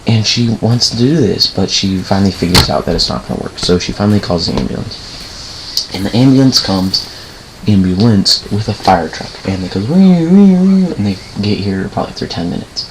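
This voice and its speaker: Young male gamer, low gravelly voice, rambling casual storyteller, faint hiss behind. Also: brisk. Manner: rambling, self-correcting, swears casually. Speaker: gaming channel host. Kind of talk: casual storytelling over gameplay.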